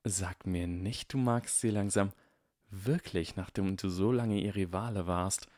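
A man's voice: lowish voice, animated, normal speed, a little mellow, dry recording, clean studio sound. A man voicing Draco, a proud scheming boy.

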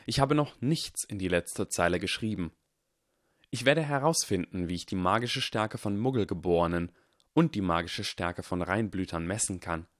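A man reading the part of a calm, earnest young wizard who explains his reasoning in a measured, persuasive way. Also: low-pitched, no room sound, clean studio sound, natural voice. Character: calm, earnest boy wizard lecturing on science.

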